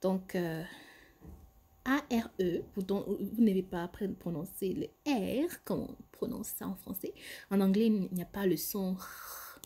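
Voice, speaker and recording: A woman giving an English lesson, modelling phrases slowly and carefully. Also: mid-range voice, mellow, breathy edge. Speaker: English teacher. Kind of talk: language lesson.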